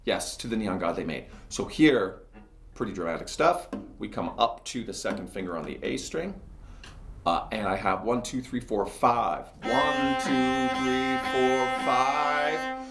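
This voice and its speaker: Male cello teacher, relaxed step-by-step talk, echoey room. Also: on the low side, unhurried, soft background music. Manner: chatty, talks through each step while playing. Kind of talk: casual music lesson.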